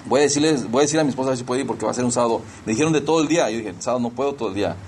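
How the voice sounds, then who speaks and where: A man's voice: medium pitch, rapid-fire, a little mellow, slight background noise. A middle-aged man preaching a sermon in a conversational way, slipping into English phrases and often restarting his sentences. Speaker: pastor.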